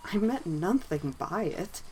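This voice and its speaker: A woman voicing a kind, cheerful boy who speaks warmly and gently. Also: fairly low pitch, animated, normal speed, a little hiss or hum, natural voice, poor audio. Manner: warm and gentle.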